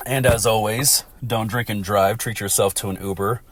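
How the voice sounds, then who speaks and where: A man's voice: on the low side, fairly even intonation, moderate pace. An American man from Texas with a congested, blocked-nose voice, hosting a casual, rambling, sweary sports chat. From Texas, United States. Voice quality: stuffy, congested nasal voice. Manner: rambling, profane. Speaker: podcast host.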